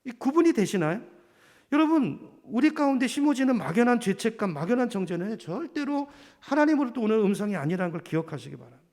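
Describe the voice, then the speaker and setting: Male pastor, high lively voice with gravelly edge, conversational sermon turning fervent, church hall reverb. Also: fast. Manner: conversational preaching, rising to fervent emphasis. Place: church sanctuary.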